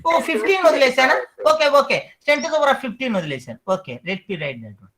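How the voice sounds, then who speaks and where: A male teacher giving an online class, repeating each term slowly so the students memorize it. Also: very high-pitched, huge pitch swings, fairly bright tone, a little hiss or hum, rough recording.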